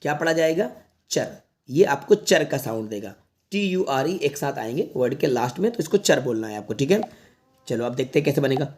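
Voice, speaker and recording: A man teaching an online lesson to students, repeating each word slowly several times in a patient, reassuring way. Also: medium pitch, lively intonation, darkish tone. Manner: reassuring, addresses the viewers as children. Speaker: English teacher.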